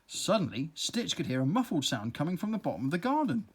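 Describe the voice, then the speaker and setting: A storyteller reading a children's story aloud in a playful, expressive way. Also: medium pitch, fast, a little hiss or hum.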